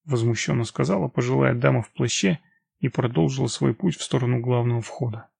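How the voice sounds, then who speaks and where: A male audiobook narrator with a strongly gravelly, husky voice, reading an action story in a steady, measured way. The sound is dry and close, with no room at all. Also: mid-range voice, no echo. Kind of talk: first-person action narration.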